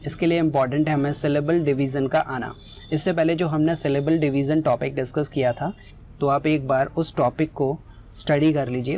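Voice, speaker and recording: A woman's voice: deep voice, a little mellow, a little hiss or hum. A woman teaching English pronunciation, explaining step by step and mixing in English phrases. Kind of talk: spoken lesson with examples.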